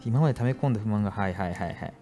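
A young man commentating a horror game, reading the text aloud and reacting with frequent high, loud panicked yelps. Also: racing, faint music behind. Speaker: virtual YouTuber streamer. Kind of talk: game let's play commentary.

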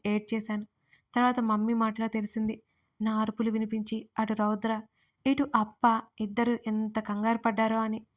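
A woman narrating her own emotional first-person audio story, voicing every character herself. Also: fairly high pitch. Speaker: writer and narrator.

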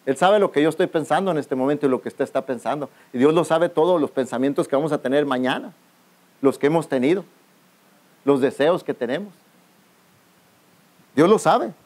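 A pastor whose voice is a little high and a little mellow preaches a sermon at an outdoor youth camp gathering. He speaks briskly with long pauses, often calling listeners "brother" and calling out for their responses.

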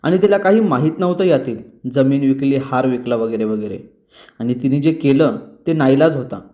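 A man's voice: mid-range voice, moderate pace, mellow, close to an everyday voice. A man reading the lines of a spirited young woman defending her sister. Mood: defiant. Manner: defiant, retorting.

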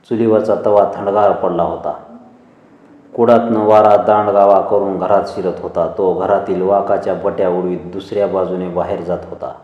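A man narrating a story in a steady, measured reading, in a dull, echoey recording. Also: low-pitched.

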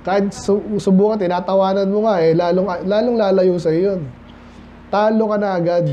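At normal speed and with fairly even intonation, a high-pitched Filipino man leads a midweek Bible study sermon in a church hall. He talks conversationally, code-switching between Tagalog and English and asking his listeners questions. The sound is dull lo-fi with light background noise.

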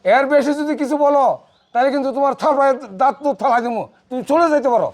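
Man as a stubborn old father, Bangladeshi colloquial accent, high voice, fast and gruff. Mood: defiant. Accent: Bangladeshi colloquial Bengali. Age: 60s. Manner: gruff and defiant, threatens. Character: stubborn sixty-year-old father who remarries.

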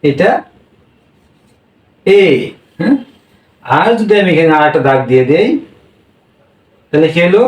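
A man's voice: a little high, expressive, unhurried, long pauses, echoey room, recorded from a distance, poor audio. A man teaching a language class, drilling sounds with repeated questions. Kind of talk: classroom lesson.

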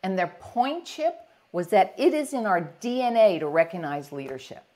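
Energetic woman coach, lively pitch. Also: normal speed. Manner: energetic, acts out examples in varied voices. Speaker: leadership coach and guest. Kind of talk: conversational podcast interview.

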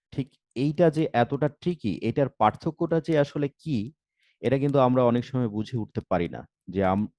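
A man's voice: medium pitch, a little mellow, no echo. A man with a Bangladeshi Bengali accent teaching English letter sounds, repeating each sound several times. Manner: slow, drills sounds by repeating them. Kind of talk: pronunciation lesson.

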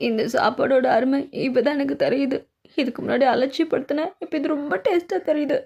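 A bratty, spoiled young rich woman, as a woman dubs her. Her voice is very high and whiny, and her demands come out shrill. It is an amateur cartoon dub. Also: fairly quick, vocal fry, darkish tone, highs cut off. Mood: meek. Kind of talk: amateur fan dub of an animated story.

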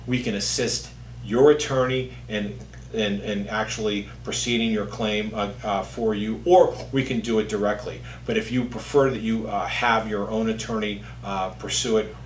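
A middle-aged lawyer with a low voice gives an informal legal explainer to the camera, seated at a distance in an indoor office. The room is echoey, with a faint hum in the background.

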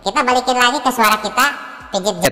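Guy doing a silly lil cartoon minion thru a voice changer, bright n sharp, big reverb. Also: fast talker. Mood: playful demonstration. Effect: voice-changer filter, higher cartoonish voice. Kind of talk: software demonstration chat.

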